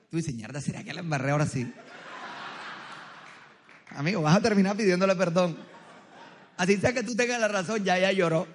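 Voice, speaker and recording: High-voiced coastal preacher, joking. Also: male voice. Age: adult, married. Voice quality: loud, strong voice. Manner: joking, storytelling, quizzing the crowd. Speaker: pastor. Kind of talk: humorous sermon with audience interaction. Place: large church hall with tiered seating. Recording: long reverb of a big hall.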